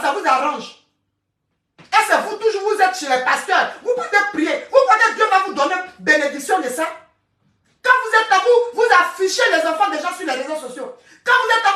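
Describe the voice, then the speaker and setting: A woman's voice: extremely high pitch, sharp tone, far from the mic. A woman coach ranting angrily on a live stream, scolding with many repeats and stammered restarts, away from the mic in an echoey room. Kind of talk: angry live-stream rant.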